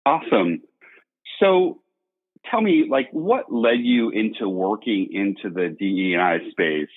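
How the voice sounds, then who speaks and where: A man hosting a podcast interview, friendly and quick to laugh, on a casual call. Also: lowish voice, expressive. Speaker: podcast host. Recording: tinny phone-like line.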